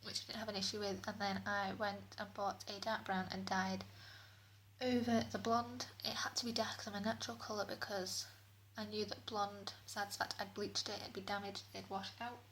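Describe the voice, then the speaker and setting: Recording in a cramped bathroom that adds room echo, a woman rambles casually through a beauty product review as a vlogger. Her voice is mid-range and a bit bright with a level tone and normal speed, and there's slight background noise.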